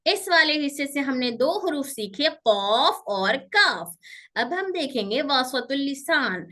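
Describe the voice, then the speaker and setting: A woman teaching pronunciation to children, explaining slowly and drilling sounds by repeating them, strict when pupils misbehave. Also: sits high, expressive, pushed and bright. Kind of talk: online Quran pronunciation lesson.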